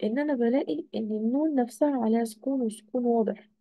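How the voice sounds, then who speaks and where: A woman's voice: fairly high pitch, racing, warm tone. A woman teacher with an Egyptian accent gives an online exam review, asking questions and answering them herself. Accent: Egyptian Arabic. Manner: asks and answers her own questions.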